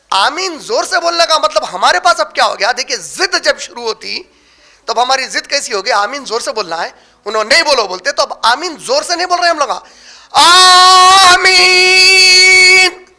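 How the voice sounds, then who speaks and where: With an extremely high, expressive and sharp voice, a man preaches an Islamic lecture on prayer rulings. He clarifies terms step by step and asks rhetorical questions only to answer them, slowing down to press on key words.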